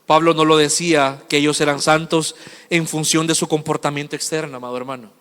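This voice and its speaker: Guy preaching, high bright voice, goes quiet then loud, lots of hall echo. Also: flat delivery, fairly quick, clean tone. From El Salvador. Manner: impassioned, swings between hushed asides and loud emphatic lists. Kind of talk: sermon.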